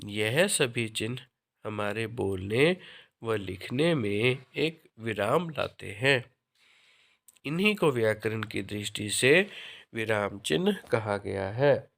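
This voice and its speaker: Slow, gravelly male teacher. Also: lowish voice, lively intonation, a bit bright. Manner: slow, deliberate explanation. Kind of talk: grammar lesson for children.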